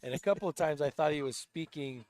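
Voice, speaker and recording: A man's voice: a little high, quick pace, a little mellow. A man commentating casually on a sporting event, chatty and rambling, with frequent restarts and light laughs.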